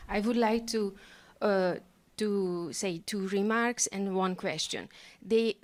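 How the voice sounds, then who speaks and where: Mid-pitched woman from Hungary, earnest, halting audience questioner. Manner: earnest, halting, searching for words. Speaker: audience member asking a question. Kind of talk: conference discussion. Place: conference room.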